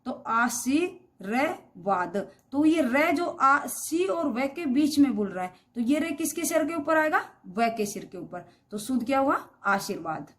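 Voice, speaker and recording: A woman's voice: high voice, very animated, slow pace, fairly bright tone. Woman, teacher, classroom lesson, repeats words, asks questions, calls students beta. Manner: reads each word twice, wrong then correct, with quizzing questions. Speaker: Hindi grammar teacher. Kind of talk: classroom lesson on spelling errors.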